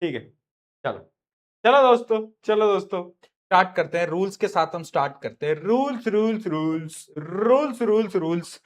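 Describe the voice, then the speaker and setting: A man's voice: high-pitched, lively intonation, moderate pace. A man teaching a live online science class in Hindi, chatty and teasing his students, slipping into English terms.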